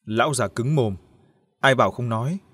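A man's voice: mid-range voice, moderate pace, fairly bright tone, breathy edge. A man doing a snarling cruel young thug. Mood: cold. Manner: snarling, threatening, coarse. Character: brutal young man, cruel drunken brother.

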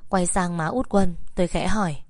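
Woman reading a story, lowish voice, dry close mic. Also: moderate pace, a little mellow, dry recording. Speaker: narrator. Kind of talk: first-person audiobook narration.

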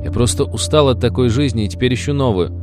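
A man's voice: mid-range voice, fast, over music, pitched above the performer's own voice, natural voice. A man voicing a frightened young wanderer who talks nervously. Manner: nervous, pleading.

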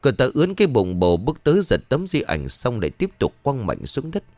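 A man's voice: mid-range voice, wildly swooping pitch, fairly quick, darkish tone, no echo. A man narrating a ghost story in a dramatic storytelling manner.

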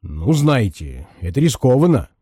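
A man voicing a stout, suspicious middle-aged woman on a train who talks in a low, grumbling way. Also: sing-song, a little slow, dark tone, husky, no room sound, clean studio sound. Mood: wary.

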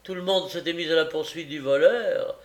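A man's voice: a little high, moderate pace, reverberant, pitched above the performer's own voice, natural voice. A man doing an insistent honest bookseller. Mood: earnest. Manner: earnest and insistent. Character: honest, determined male bookseller, a witness.

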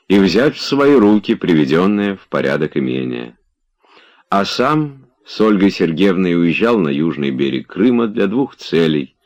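Male narrator, low register; measured literary audiobook reading. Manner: measured, even storytelling.

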